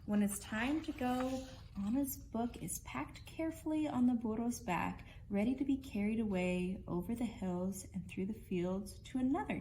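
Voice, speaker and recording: A woman librarian reading a picture book aloud to young children and leading an animal guessing game, in a gentle, playful storyteller manner. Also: medium pitch, a little hiss or hum. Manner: slow, gentle, playful storyteller voice, leads sing-along games.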